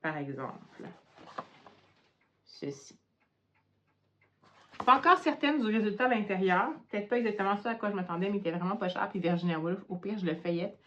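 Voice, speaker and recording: A woman's voice: mid-range voice, expressive, brisk, long pauses, dull audio. A tired woman with a Quebec French accent chatting hesitantly at home in a casual book vlog, with many fillers. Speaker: book vlogger.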